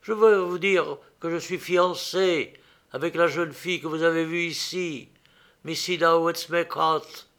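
A man's voice: on the high side, steady tone, measured pace, fairly bright tone, pitched above the performer's own voice. A man reading an audiobook aloud, voicing an ardent young male inventor who speaks eagerly and with emphasis.

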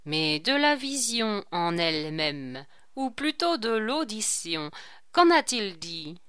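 A woman's voice: medium pitch, sing-song, slow, fairly bright tone, clear, resonant tone, dry recording, clean studio sound. A woman reading aloud, voicing a sly, mocking male court jester who teases with ironic questions. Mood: teasing.

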